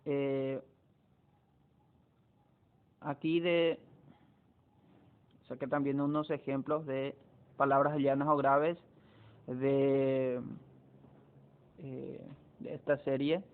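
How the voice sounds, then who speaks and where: A man's voice: medium pitch, flat delivery, extremely slow, long pauses, smooth. Man teaching a spelling lesson over a tinny line. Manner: explains step by step, with frequent hesitations and restarts. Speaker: Spanish teacher. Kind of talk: classroom lesson on spelling rules. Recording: tinny phone-like recording.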